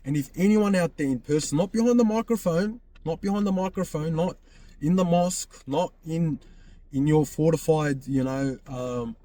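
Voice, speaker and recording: A man's voice: a little high, mellow. A man, a podcast host speaking in a candid personal monologue, emphatic and repetitive, often checking in with "right?". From Australia.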